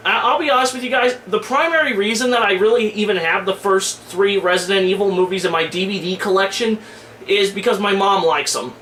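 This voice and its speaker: A male online movie and game reviewer and host rants his opinions to camera, his high-pitched voice forceful and a little fast. His delivery is informal, griping, blunt and full of slang. The home-made recording sounds roomy, echoing in the room over faint background noise.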